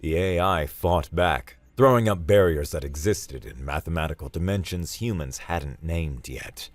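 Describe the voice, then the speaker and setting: A man's voice: a bass voice, moderate pace, no room sound. A man narrating a sci-fi audiobook story in a dry, wry storytelling manner.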